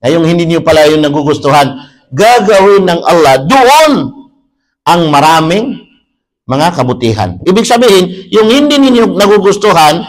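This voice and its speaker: A man giving a religious sermon as a preacher, who tells a story and then explains it, repeating his points and slowly reciting Arabic verses in a chanting tone. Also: a little high, expressive.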